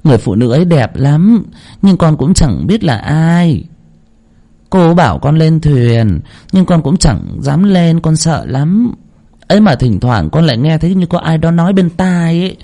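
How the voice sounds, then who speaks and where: A man's voice: on the high side, mellow, voice pushed up. A man voicing a distraught young woman who pleads with a spirit medium, stammering near tears, in a storytelling narration.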